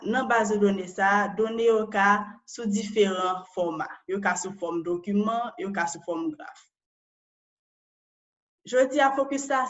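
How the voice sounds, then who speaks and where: A Haitian woman who works as a data analyst gives an online presentation in a medium-pitched voice, walking through her points step by step and often closing phrases with a questioning tag. The audio sounds dull.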